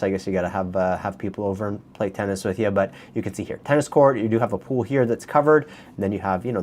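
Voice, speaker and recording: A man's voice: lowish voice, darkish tone. A man with a Canadian accent giving a casual, chatty walkthrough of property listings, talking straight to his viewers. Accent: Canadian English. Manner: chatty, conversational, addresses viewers directly. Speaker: real estate video host.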